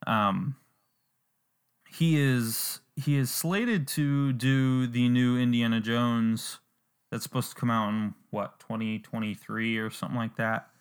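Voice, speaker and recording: Slow, smooth-voiced man chatting. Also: medium pitch. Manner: relaxed, rambling with fillers. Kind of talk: casual chat.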